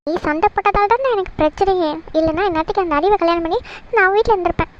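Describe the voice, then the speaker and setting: A woman's voice: extremely high pitch, rapid-fire, highs cut off, a little hiss or hum. A woman voicing a bickering, sarcastic young woman in a cartoon series, given to muttered asides. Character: bickering sharp-tongued young woman, Kalai. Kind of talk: cartoon web series dialogue.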